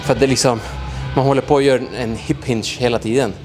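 A young man vlogging in a large gym, sore and worn out, talking haltingly with many fillers. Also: medium pitch, steady tone, poor audio. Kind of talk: casual vlog chat. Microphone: handheld mic. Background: music playing.

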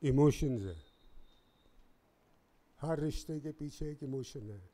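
A man giving a lecture on acting to students, animated, talking to the audience directly and acting out examples. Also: medium pitch, slow. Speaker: acting teacher at a seminar.

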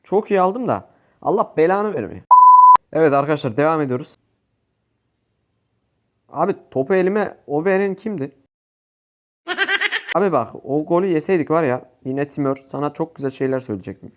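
Young male gaming commentator, higher-pitched voice, excitable, quick to yell at teammates. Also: lo-fi sound. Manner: excitable, swears and yells at teammates. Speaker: gaming youtuber. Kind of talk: casual gameplay commentary.

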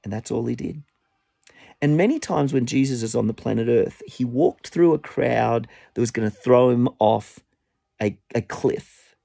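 A man preaching a sermon, telling a personal story with an animated delivery and a voice that jumps up when he quotes people. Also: unhurried, vocal fry, no echo, studio quality. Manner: animated storytelling, voice rising high when quoting.

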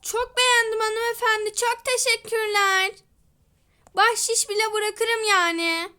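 A woman voicing a fussy, complaining adult salon customer in a toy role-play, with a loud, dramatic manner. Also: very high voice, fairly even intonation, measured pace, pitched above the performer's own voice, exaggerated voice. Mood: delighted.

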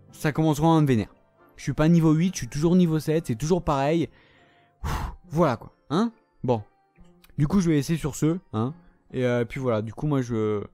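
A man's voice: medium pitch, a little mellow, no echo. A man hosting his own gaming video, giving casual commentary in an exasperated, sarcastic tone and swearing often. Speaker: gaming channel host.

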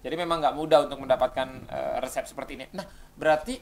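A man's voice: mid-range voice, fairly even intonation, quick pace, vocal fry. A man hosting a casual interview chat, teasing and chatty, with many hesitant fillers. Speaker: host.

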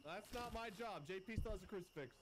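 A man's voice: sits high, quick pace. A man hosting a casual multiplayer ghost-hunting stream, teasing his friends as they play. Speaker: streamer host. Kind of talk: casual gaming chat.

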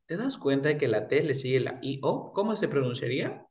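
A young man teaching English pronunciation in a one-on-one lesson, patiently drilling words slowly and repeating them. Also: mid-range voice, very animated, a little mellow.

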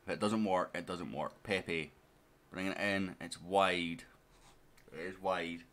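A man's voice: sits low, fairly even intonation, unhurried, fairly bright tone. A man giving casual let's-play commentary as a gaming YouTuber, chatting straight to his viewers and to his players.

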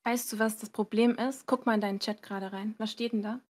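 A woman streamer speaking in a game voice chat, trying to stay calm and mediate an argument. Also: on the high side, fast talker. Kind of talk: out-of-character argument.

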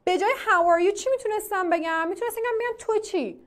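With a very high-pitched voice, a woman whose first language is Persian runs an online English lesson, asking the class questions, supplying the answers herself and drilling English phrases by repeating them slowly.

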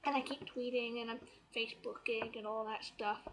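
Excitable woman, high-pitched, casual vlog storyteller. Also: a little fast, noisy background. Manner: excitable, chatty, quotes others as she retells. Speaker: vlogger.

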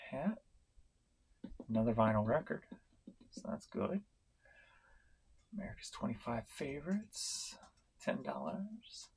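A middle-aged man from St. Louis, Missouri, giving a casual vlog update on his online reselling, talking in a slow, rambling way with many fillers and restarts. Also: medium pitch, gravelly, slightly rough. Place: home room, indoors.

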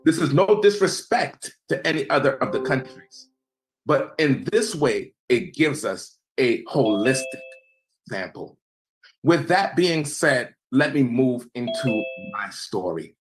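Faint music plays behind a young American man as he gives an evangelism seminar over video call, presenting from slides. He sounds expressive, measured and preacherly, pressing points emphatically before his pitch and volume fall away at each phrase's close, all on a low-quality recording.

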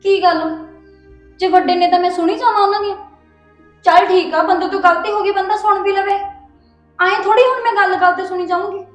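A young woman playing a combative wife who fires back quick retorts in a family drama. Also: very high-pitched, steady tone, roomy sound, soft background music. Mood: angry. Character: fiery young wife quarreling with husband. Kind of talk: village family drama acting.

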